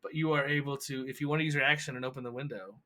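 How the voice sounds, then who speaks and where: A man's voice: medium pitch, fairly even intonation, very fast, sharp tone. A man running a tabletop game as game master, describing scenes in a loose, stop-start way with fillers.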